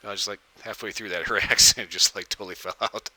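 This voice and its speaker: A man's voice: lowish voice, fairly even intonation, fast talker, sharp tone, slight background noise. A man streaming a video game live, giving casual commentary with jokes and swearing. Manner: joking and swearing.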